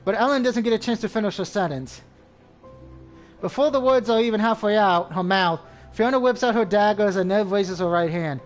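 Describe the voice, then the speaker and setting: A man's voice: high voice, a little fast, faint music behind. A man reading a visual novel aloud, with crude outbursts between lines. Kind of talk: reading aloud a game text.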